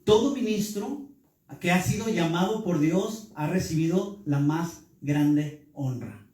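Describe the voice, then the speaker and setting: A man's voice: sits high, lively intonation, takes it slowly, dark tone. A male pastor gives a Bible class sermon and keeps asking the room questions. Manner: teaching, asks the room questions. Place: church hall. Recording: echoey hall, speaker far from mic.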